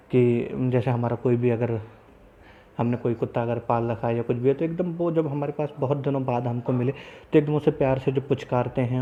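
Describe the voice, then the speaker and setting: A male teacher explaining a text line by line. He reads each English line very slowly, then talks it through quickly and eagerly in Hindi. The recording is dull and lo-fi. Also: mid-range voice.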